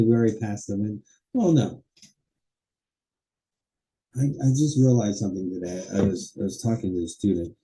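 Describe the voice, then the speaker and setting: A man teaching a college public speaking class, lecturing casually and acting out quick everyday dialogue as examples. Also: fairly low pitch, mellow, low-quality recording. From Los Angeles area. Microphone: webcam or computer mic while presenting slides.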